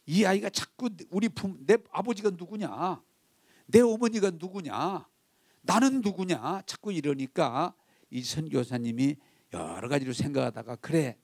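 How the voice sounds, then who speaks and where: A male pastor tells a story with feeling during his sermon, speaking directly to the congregation in an emotive way. His voice is on the high side and a little mellow, captured in studio quality with no echo.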